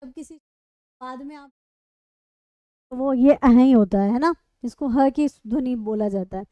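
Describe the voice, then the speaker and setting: A woman's voice: sits high, measured pace, dry recording, highs cut off. A woman teaching an online grammar lesson. She asks questions and answers them herself, and often says "okay" between points.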